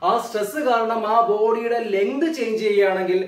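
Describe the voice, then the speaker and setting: A physics teacher with a Malayali accent and a fairly high voice gives a classroom lecture, calling his students children, asking them questions constantly and repeating key terms slowly. He is recorded from a distance in an echoey room.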